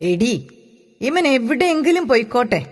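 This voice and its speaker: Woman reader doing a gruff father, short-tempered, mocking, long echo behind. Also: a little high, big pitch swings, unhurried, pitched above the performer's own voice, heavily acted. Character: stern middle-aged father, loving but short-tempered.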